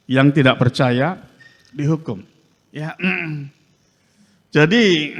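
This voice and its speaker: Animated preacher in a reverberant church. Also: male voice, fairly high pitch. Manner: animated storytelling, frequent "ya" tags. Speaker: pastor. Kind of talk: sermon testimony. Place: church sanctuary.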